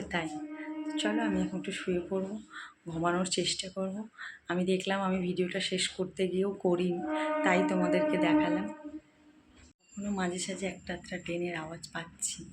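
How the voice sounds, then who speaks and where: A woman's voice: on the low side, noisy background. A middle-aged woman, chatting casually to her viewers at home while she has a cold and a stuffy nose. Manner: chatty, homely, addresses viewers directly. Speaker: lifestyle vlogger.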